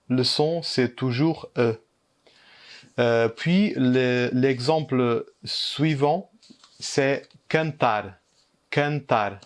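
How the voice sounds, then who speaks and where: A man walks through a language lesson at an unhurried, measured pace. He pauses often and fills gaps with hesitant ums, and his voice sits at an ordinary middle pitch. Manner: slow and deliberate, pausing with hesitant fillers. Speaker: language teacher. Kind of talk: explanatory lesson.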